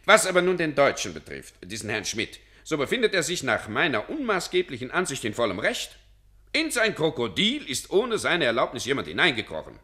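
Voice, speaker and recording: In a German radio play, a male actor portrays a self-important, evasive senior civil servant who dithers officiously and draws out his phrases. His medium-pitched voice swoops wildly, bright and forceful, at a slightly fast pace.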